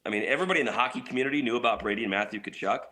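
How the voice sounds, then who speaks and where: A hockey play-by-play announcer, calling in remotely from his couch at home, guests on a sports radio show with enthusiastic, conversational analysis. His voice is medium-pitched, very fast, pushed and bright.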